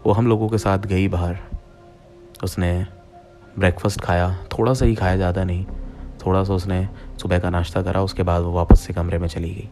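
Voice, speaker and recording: A man's voice: sits low, little pitch movement, moderate pace, darkish tone, soft background music. A young man narrating a true-style horror story in the first person, speaking directly to his listeners as friends in a plain retelling voice.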